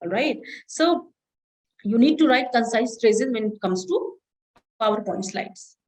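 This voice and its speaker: High-voiced woman lecturing. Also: expressive, darkish tone, low-quality recording. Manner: instructive, repeats "all right?" to check understanding; slows and stresses key words. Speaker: associate professor lecturing. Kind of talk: classroom lecture on presentation skills.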